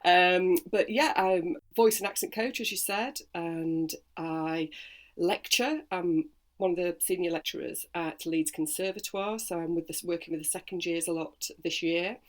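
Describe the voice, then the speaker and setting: Chatty Yorkshire woman, lower voice. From Sheffield, England. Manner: chatty and animated, quick bursts of storytelling. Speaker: voice and accent coach. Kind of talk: relaxed interview chat.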